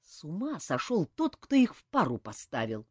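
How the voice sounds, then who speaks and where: A woman's voice: medium pitch, wildly swooping pitch, moderate pace, breathy edge, no echo, clean studio sound, voice pushed up, heavily acted. A woman reading an audiobook, voicing a grumbling male commander who defends himself.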